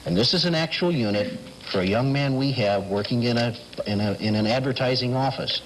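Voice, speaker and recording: On slightly noisy vintage television audio, a middle-aged American man speaks a little fast at a medium pitch through a lapel mic. He's a telephone company specialist giving explanations as a guest in a studio interview.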